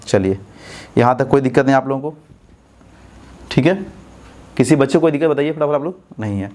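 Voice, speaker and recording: Indian guy going through english test answers, keeps asking the class if its clear. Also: medium pitch, expressive, fairly quick, a little mellow. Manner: explains step by step, asks students rhetorical checks. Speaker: English teacher. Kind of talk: exam-prep lesson explaining answers.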